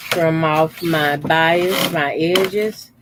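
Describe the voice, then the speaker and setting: Sewing as he speaks, a man in his fifties who hosts a quilting channel guides viewers through a demonstration in a calm, unhurried way. He purposely keeps his voice lowered, and background noise is audible.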